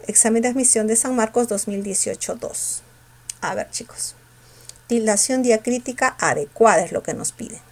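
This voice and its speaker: A woman teacher going over exam questions, asking her students quick questions and answering them herself. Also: a little high, darkish tone. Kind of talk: exam review lesson.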